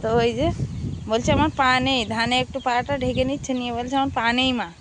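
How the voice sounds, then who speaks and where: A hoarse woman vlogging her village life outdoors, chatting and asking her family questions as she goes. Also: high-pitched, fairly even intonation, fast, background noise. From Bengal. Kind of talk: casual narration of daily life.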